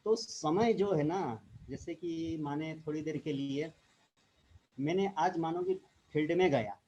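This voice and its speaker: A man giving an informal motivational talk as a direct-selling distributor, repeating himself, adding tag questions and often clearing his throat. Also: fairly high pitch, a little slow, warm tone, dull audio, slight background noise.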